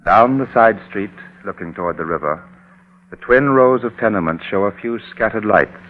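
A man narrating a scripted 1930s-style radio drama in a measured, atmospheric storytelling manner. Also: fairly low pitch, animated, a little hiss or hum, lightly acted. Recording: muffled phone-like old radio recording.

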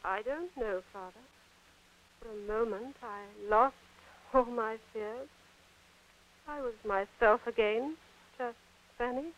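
An actress playing a timid, stage-frightened young woman in an old radio drama, speaking in a soft, breathy, pleading way. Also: fairly high pitch, takes it slowly, long pauses, reverberant. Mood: hushed. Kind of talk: 1940s radio acting. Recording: muffled old radio recording with faint music.

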